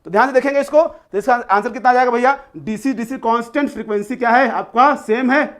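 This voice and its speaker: Teaching a live online class, this tutor talks quickly in a very high, fairly bright voice. He is coaxing and repetitive, slips English phrases freely into his explanations, and addresses students as "beta."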